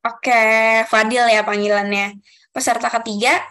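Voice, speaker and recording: Her pitch fairly high and barely moving, a young woman takes her time as facilitator of an online group discussion. Speaking over a video call, she politely goes through the rules one at a time, softening them with gentle fillers.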